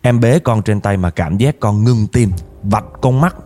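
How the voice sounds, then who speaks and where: A man's voice: fairly low pitch, a little slow, darkish tone, faint music behind. A man narrating a dramatic true story in the first person, talking directly to his listeners with emotion.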